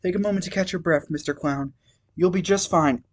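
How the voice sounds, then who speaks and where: Man putting on a sweet, motherly young woman's voice, high falsetto, gently coaxing. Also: a little fast, close to an everyday voice. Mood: soothing.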